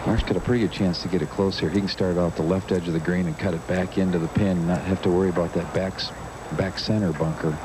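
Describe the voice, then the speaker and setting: A man's voice: deep voice, steady tone, fast. A man working as a golf analyst, explaining the course and the play in plain-spoken, conversational sports commentary. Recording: clear outdoor background noise.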